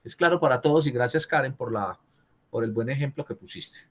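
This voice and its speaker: A man's voice: mid-range voice, expressive, fairly quick, a bit bright. A man teaching a writing class over a video call, correcting students and checking in with them often. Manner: corrects students, keeps asking "¿cierto?". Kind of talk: virtual class lesson on writing.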